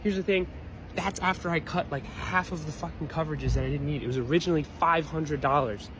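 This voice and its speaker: A man's voice: a little high, a little fast, noisy background. A man in his twenties ranting angrily in a vlog, swearing often and stressing his words hard. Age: 20s. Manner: swearing, furious, emphatic. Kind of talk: angry vlog rant.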